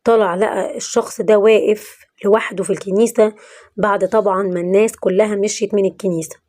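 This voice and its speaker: A woman with an Egyptian accent, narrating a religious story in a warm, moralizing way. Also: medium pitch, steady tone, fast. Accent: Egyptian Arabic.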